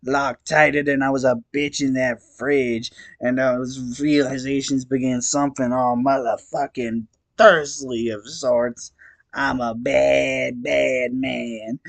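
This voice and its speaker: Man reading as a repentant clown troll, gravelly, slow and weepy with a lot of swearing. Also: mid-range voice, flat delivery, no room sound. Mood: tearful ranting. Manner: slow drawling rant full of swearing. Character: sobbing male clown troll, crude and repentant.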